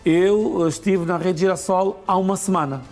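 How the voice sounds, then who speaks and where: A man's voice: sits high, fairly even intonation, normal speed, a little mellow, soft background music. An Angolan man with an Angolan Portuguese accent, a language teacher explaining grammar patiently and step by step on a morning show.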